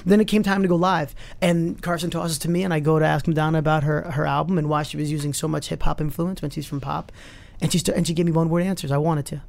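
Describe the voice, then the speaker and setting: A man's voice: a little high, level tone, vocal fry, darkish tone. A man hosting a talk show, chatting casually and telling stories with enthusiasm. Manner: fast, enthusiastic storytelling. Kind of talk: casual interview chat.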